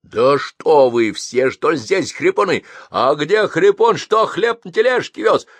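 A man's voice: on the high side, animated, measured pace, fairly bright tone, dry recording, pitched above the performer's own voice, exaggerated voice. A man doing a crafty chatty police sergeant. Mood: shouting. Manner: chatty, wheedling, bossy.

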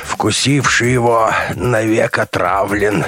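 A man voicing a crazed bearded doctor who rants in slow, preachy tones and then whimpers for mercy. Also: fairly low pitch, bright, forceful tone, dry recording, voice pushed up, full character voice. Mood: raving. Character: crazed bearded male doctor, fanatical and frightened.

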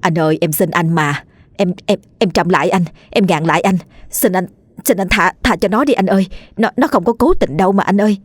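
A woman's voice: fairly low pitch, normal speed, no echo, lightly acted. A woman voicing a desperate middle-aged wife who stammers as she begs her husband for mercy in a spoken ghost story. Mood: pleading. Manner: stammering, begging.

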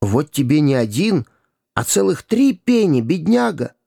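A man voicing a compassionate gentleman in a storybook reading, earnest and reproachful. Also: a little high, big pitch swings, measured pace, creaky, husky, dry recording, clean studio sound, pitched above the performer's own voice, full character voice. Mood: pitying. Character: kind compassionate gentleman passerby.

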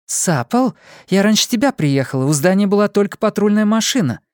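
A woman's voice: medium pitch, expressive, fairly quick, darkish tone, no echo, studio quality, pitched above the performer's own voice, natural voice. A man voicing a stubborn young woman police deputy in an audiobook, speaking in an indignant, insistent way.

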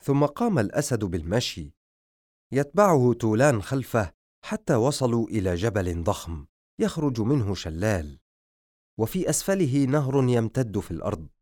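A man's voice: medium pitch, very animated, moderate pace, darkish tone, dry recording, studio quality. A man narrating a fantasy novel as an audiobook, telling the story expressively.

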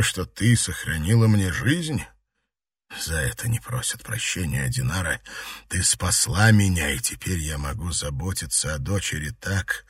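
A man voicing a hoarse werewolf father, rough yet tender, in an audiobook. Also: sits low, no room sound, distant mic, exaggerated voice.

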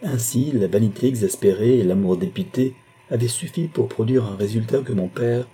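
Dark, husky male audiobook narrator. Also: mid-range voice, normal speed. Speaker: audiobook reader. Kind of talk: scripted literary narration.

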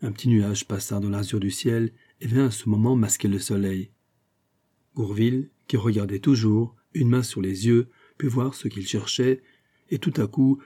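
A man narrating a classic novel as an audiobook, in a measured, even storytelling manner. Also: lowish voice, slightly rough. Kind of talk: scripted narration.

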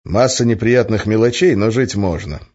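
A man's voice: lowish voice, moderate pace, a little mellow, natural voice. A man voicing a tired, irritable grown magician in an audiobook, speaking curtly with a grumbling edge. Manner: curt, grumbling, flaring into outbursts. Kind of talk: audiobook character voice. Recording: slightly muffled lo-fi recording.

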